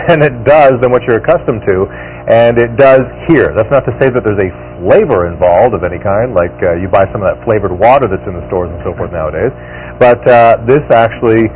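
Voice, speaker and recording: A man's voice: on the low side, darkish tone. Male home shopping host, dull TV audio. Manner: conversational, persuasive home shopping host delivery. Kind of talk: live home shopping sales pitch. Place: TV studio kitchen set. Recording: dull lo-fi TV audio, background music.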